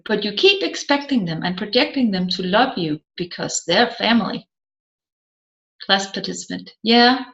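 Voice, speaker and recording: In a medium-pitched, fairly bright voice, a woman narrates a self-help audiobook built from seminar material, including audience questions and answers. The sound is lo-fi and slightly dull, with an echoey room.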